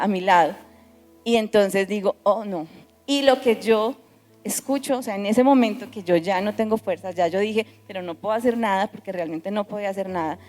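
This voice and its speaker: Woman telling a story in an echoey hall. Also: mid-range voice. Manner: animated storytelling, frequent restarts. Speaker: pastor. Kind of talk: testimony at a church service.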